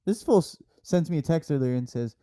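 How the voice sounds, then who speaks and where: A man's voice: a little high, animated, brisk, warm tone. A man co-hosting a casual podcast chat, laughing often, swearing freely and playing with words. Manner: laughs often, profane, playful wordplay. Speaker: podcast co-host.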